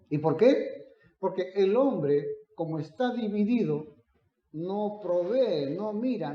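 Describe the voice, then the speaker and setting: A male pastor preaching with a high, mellow voice. He swings between loud emphatic declarations and hushed storytelling. The sound is dull and lo-fi, in an echoey room. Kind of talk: sermon.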